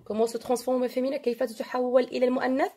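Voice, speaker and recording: Lady teaching french, fairly high voice, goes over words slow and keeps asking "d'accord?". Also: flat delivery, warm tone. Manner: switches between French and Arabic, repeats words slowly and asks "d'accord?". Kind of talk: classroom-style French grammar lesson.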